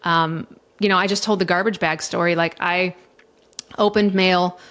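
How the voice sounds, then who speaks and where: A woman's voice: lowish voice, fairly even intonation, normal speed, a bit bright. A middle-aged woman, a divorce coach, talking candidly and emotionally in a podcast interview, swearing freely as she goes. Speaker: divorce coach and mediator guest.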